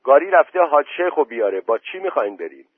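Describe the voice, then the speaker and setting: A man's voice: on the high side, big pitch swings, breathy edge, dry recording, voice pushed up. A man voicing an uneasy, troubled village man who exclaims his worries. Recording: dry tinny phone-like voice message.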